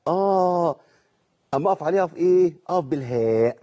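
Egyptian guy teaching tajweed real quick, mellow voice, kinda muffled lo-fi audio, keeps asking then answering himself. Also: a little high, expressive. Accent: Egyptian Arabic. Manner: asks questions and answers them himself. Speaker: Quran recitation teacher. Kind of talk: tajweed lesson with recited examples. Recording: dull lo-fi sound.

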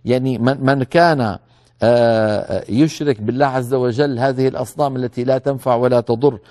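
Man teaching tajweed, dark mellow voice, patient, stretches words out slowly to show how. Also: medium pitch, steady tone. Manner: patient, explains rules, repeats words slowly to demonstrate. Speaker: Quran recitation teacher. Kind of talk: tajweed lesson with slow demonstrations.

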